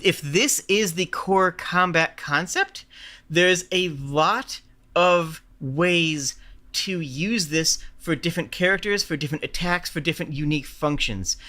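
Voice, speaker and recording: A man's voice: fairly high pitch, unhurried, sharp tone. A man streaming live reaction commentary on games, explaining his analysis emphatically with rhetorical questions and imagined quotes. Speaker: streamer reacting to game announcements.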